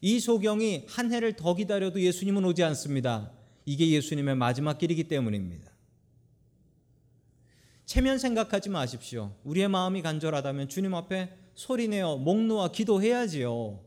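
Pastor, male, high-ish voice; dramatic sermon delivery with rhetorical questions and call-and-repeat prayers. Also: lively intonation, normal speed, a little mellow. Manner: dramatic, voice swelling on points and dropping low on quoted verses. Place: church, Friday prayer meeting.

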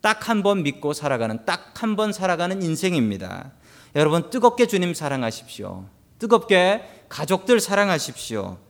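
Man, pastor, sermon, fairly high voice, very lively intonation, humorous storytelling. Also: normal speed, vocal fry. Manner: animated storytelling with humorous asides to the congregation.

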